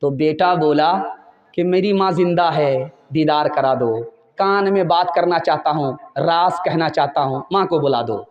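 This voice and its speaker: A male preacher delivers a sermon full of anecdotes, his voice high for a man and his storytelling animated. The sound rings through an echoey hall. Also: unhurried, highs cut off. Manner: animated storytelling with dramatic asides. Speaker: mufti, preacher.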